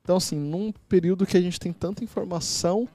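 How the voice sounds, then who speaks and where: A man's voice: sits high, quick pace, mellow. A man chatting casually on a podcast, joking and teasing. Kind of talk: casual chat.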